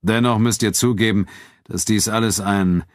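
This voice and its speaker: Man reading as a measured town official, calm and cold, voice lifted from a very deep base, dry close sound, storybook reading. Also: dry recording, natural voice. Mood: calm firm. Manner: calm, measured, quietly firm.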